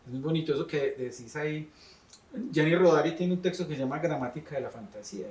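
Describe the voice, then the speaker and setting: A man's voice: fairly high pitch, fast talker, a little mellow, recorded from a distance. A man, a teacher interviewing a guest in a thoughtful, rambling way. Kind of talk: conversational interview questions. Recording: roomy, off-mic sound.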